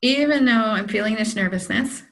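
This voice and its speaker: A woman practitioner leads a client through an EFT tapping session, offering calm phrases for her to repeat. Her voice is fairly high, and she speaks at normal speed.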